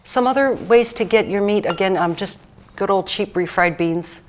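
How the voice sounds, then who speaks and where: A woman's voice: medium pitch, moderate pace, a little hiss or hum. A woman cookbook author chatting casually through a cooking demonstration, rambling with jokes and fillers.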